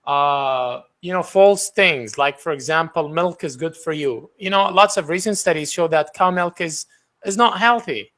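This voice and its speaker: A man's voice: a little high, moderate pace, a bit bright. Iraqi man. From Iraq. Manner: opinionated, argues his points. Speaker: English teacher, student. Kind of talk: casual conversation practice. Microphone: professional microphone.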